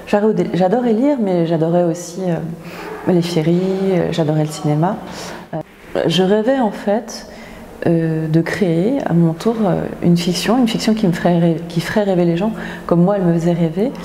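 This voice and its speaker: A woman from France, an author, speaking thoughtfully in an interview, pausing often with filler sounds. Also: on the low side, mellow, a little hiss or hum. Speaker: author in residence. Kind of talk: reflective interview talk. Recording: echoey hall with faint ambience.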